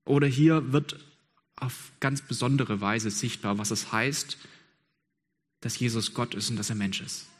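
A man delivers a sermon with earnest emphasis, stacking repeated phrases and posing questions to his listeners. His voice has a husky, slightly breathy edge. Long reverb trails behind each phrase, as in a large church hall. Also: mid-range voice, fairly even intonation, unhurried. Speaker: preacher.

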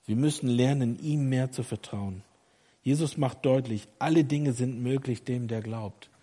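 A middle-aged male preacher with a dark, mellow, slightly husky mid-range voice speaks a little slowly. His sermon shifts from hushed, intimate, confiding passages to loud, rising, urgent exhortation, and he puts direct questions to the congregation.

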